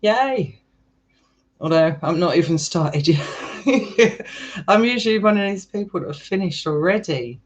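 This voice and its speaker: Laughing often and rambling, a young English urban exploring vlogger holds a casual live chat with his viewers in his English accent. The fairly high voice comes through with the top frequencies cut off.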